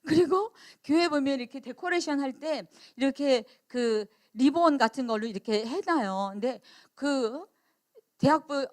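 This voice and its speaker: An older woman with a high voice shares a personal story from the pulpit as a visiting missionary. She talks in a conversational way, acting out the dialogue and dropping in quick interjections as she goes. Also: animated, darkish tone. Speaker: missionary speaker. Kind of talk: sermon testimony. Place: church service.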